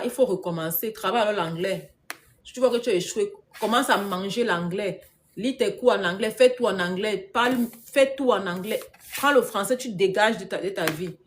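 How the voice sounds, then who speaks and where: Emphatic woman coaching on a live stream. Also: mid-range voice. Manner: emphatic and repetitive, laughs often; mixes English words into her talk. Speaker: business coach. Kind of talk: casual live-stream coaching, answering viewer comments.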